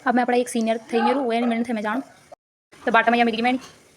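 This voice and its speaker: A young woman vlogging with a Garhwali-tinged Hindi accent, teasing and coaxing a small child in loud, high bursts, then narrating her day casually. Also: flat delivery, quick pace, very noisy. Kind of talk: casual family vlog.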